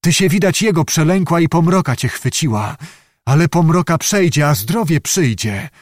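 A brash young giantess witch, as a male narrator puts her on coaxes in a folksy storybook voice. The voice sits a little above his own and carries loud and forward, with a dry close sound. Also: on the high side, expressive, normal speed, no echo, voice pushed up. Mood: coaxing. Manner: coaxing, folksy speech.

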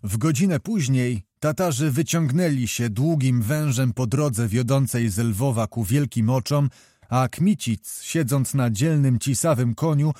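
A male audiobook narrator telling a historical novel in a measured, even way. His voice is warm and mellow, in a middle register. The recording is close and dry, with no room sound. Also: medium pitch, no echo.

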